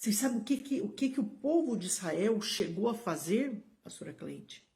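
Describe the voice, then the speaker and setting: In a Brazilian Portuguese accent, a middle-aged woman pastor preaches emphatically over a live stream, greeting viewers by name and bursting into sudden high exclamations. She is expressive, moves at a moderate pace, and has vocal fry and a dark tone.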